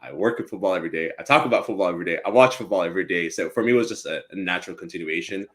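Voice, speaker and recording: A man's voice: low voice, very fast. A young man from East Africa, a company co-founder chatting casually as a podcast guest with lots of fillers. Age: young adult. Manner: relaxed, rambling with many fillers.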